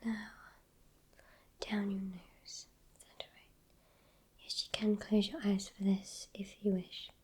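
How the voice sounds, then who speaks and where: A British woman doing a whispered role-play as a soothing healer, in a soft, breathy spa whisper, slow and reassuring. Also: medium pitch, flat delivery.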